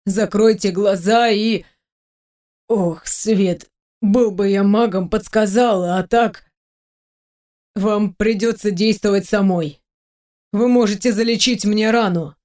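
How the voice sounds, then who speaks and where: A woman reading an audiobook voices a wounded young male swordsman who speaks formally and politely, in a slightly lowered voice. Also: steady tone, slow, long pauses, a little mellow, natural voice. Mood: weak, pleading. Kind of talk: audiobook character voice.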